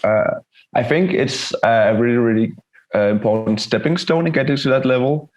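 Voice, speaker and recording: A man with a gravelly voice, laid-back and a little hesitant, chatting casually in an interview as a band musician. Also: medium pitch, normal speed, darkish tone. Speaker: touring metal band musician being interviewed.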